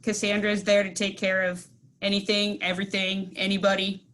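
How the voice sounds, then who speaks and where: A woman from central Illinois tells a story on a video call. Her mid-pitched voice is friendly and rambling, full of ums and asides. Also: monotone, moderate pace, a bit bright. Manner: friendly, rambling, with many fillers. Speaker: meeting participant. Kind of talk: casual storytelling.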